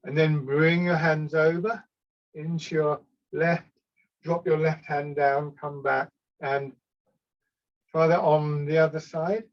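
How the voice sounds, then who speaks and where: A man gives calm, unhurried step-by-step tai chi cues as an instructor, sometimes hesitating and correcting himself. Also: on the high side. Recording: slightly dull, lo-fi sound.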